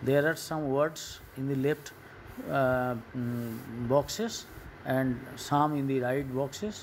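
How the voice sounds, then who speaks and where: A man's voice: mid-range voice, steady tone, extremely slow, a little hiss or hum. A man teaching an online school English class with a Bengali accent, explaining word meanings step by step in English and Bengali. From West Bengal, India. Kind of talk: recorded online class lesson.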